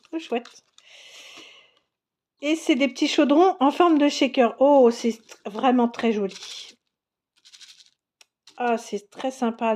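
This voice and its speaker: A woman's voice: a little high, darkish tone. A woman narrating a crafting unboxing in a casual, chatty way, exclaiming over each item. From France. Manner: chatty, enthusiastic, exclaims and laughs often. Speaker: crafting vlogger.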